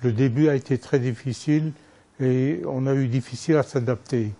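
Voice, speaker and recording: An older man recalling being hidden as a child, slow and halting. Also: medium pitch, fairly even intonation, dark tone. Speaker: interviewee, former hidden child. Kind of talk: recalled testimony.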